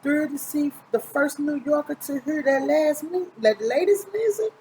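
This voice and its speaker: A warm, high-pitched female voice at a moderate pace narrates a children's picture book informally, sometimes stumbling and correcting herself. The middle-aged reader sits close to the camera in a small indoor room, and the rough recording carries slight background noise.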